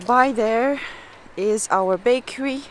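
A woman's voice: on the high side, slow, slight background noise. Chatty woman vlogging outdoors. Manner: chatty, enthusiastic, frequent fillers. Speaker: travel vlogger. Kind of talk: casual travel vlog narration. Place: outdoors on a coastal street.

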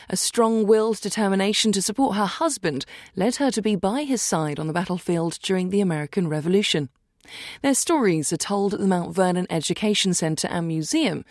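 A woman's voice: medium pitch, darkish tone, no room sound, studio quality. A woman, presenting and narrating a travel show in an enthusiastic, chatty way. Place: indoor museum exhibits.

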